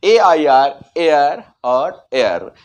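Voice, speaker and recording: A man whose first language is Hindi, teaching English pronunciation, spelling words out letter by letter and then saying them slowly. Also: fairly high pitch, sing-song. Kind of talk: explaining spelling and pronunciation lesson.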